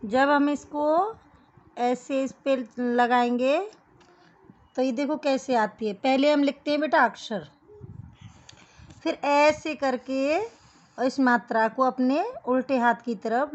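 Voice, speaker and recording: A woman gives a children's lesson in a high voice, speaking slowly and patiently. She explains each step and keeps calling the kids "beta". The recording sounds dull and lo-fi. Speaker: teacher.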